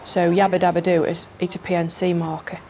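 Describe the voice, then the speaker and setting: A woman police officer speaks in a low, flat, gravelly voice, explaining things matter-of-factly. Clear background noise sits behind her. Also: brisk. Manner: plain, matter-of-fact explaining. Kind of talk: interview.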